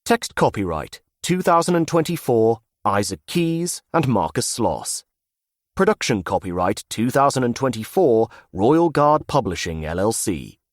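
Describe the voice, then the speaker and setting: A man narrating a fantasy audiobook in first person with a measured delivery. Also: medium pitch, big pitch swings, no echo, studio quality.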